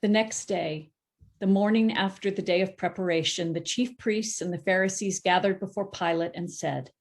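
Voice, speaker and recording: A scripture reader at a church service, a woman with a mid-range voice, narrates a Bible passage at a steady, measured pace, now and then stumbling and fixing it.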